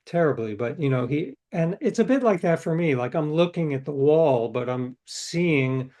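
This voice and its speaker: Speaking with a warm, animated voice on the high side at normal speed, a middle-aged author answers interview questions. He reflects aloud through stories, often restarting and letting thoughts trail off between ideas.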